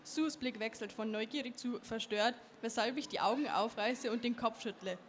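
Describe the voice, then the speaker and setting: Teen girl author reading a first-person story aloud, higher voice, faint noise behind. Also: normal speed. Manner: earnest reading with some slips. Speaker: young author. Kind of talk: reading aloud from her novel.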